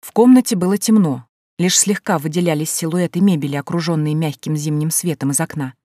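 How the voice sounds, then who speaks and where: A woman narrating a first-person audiobook story in a lively telling. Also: low voice, brisk, no echo, studio quality.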